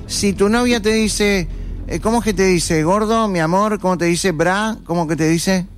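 A man's voice: high voice, normal speed, smooth. A man with an Argentine accent hosting a call-in radio show, teasing and joking with a caller. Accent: Argentine Spanish. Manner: teasing, playful, jokey. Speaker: radio host. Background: loud music.

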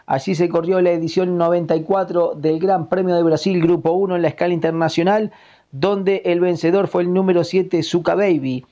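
A man with a Uruguayan accent giving a formal, measured report of horse racing results as a radio correspondent. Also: high voice, steady tone, mellow, lo-fi sound.

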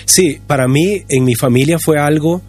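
Pastor, 50s, husky, earnest and halting, faint music bed. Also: male voice, on the high side, darkish tone. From Costa Rica. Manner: earnest, halting with many restarts. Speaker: pastor and guest. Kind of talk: candid testimony on a podcast.

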